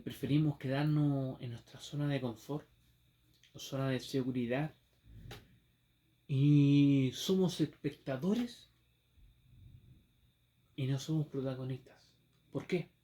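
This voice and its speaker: A man's voice: medium pitch, mellow. A man with a Chilean accent preaching a sermon, telling a story with acted exclamations and rhetorical questions.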